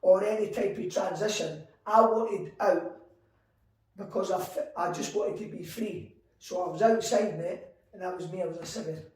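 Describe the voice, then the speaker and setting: Animated man in his forties. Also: sits high, moderate pace, a little hiss or hum. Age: 40s. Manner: animated, acts out quoted conversations. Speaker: guest entrepreneur. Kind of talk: candid storytelling interview. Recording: echoey room, mic at a distance.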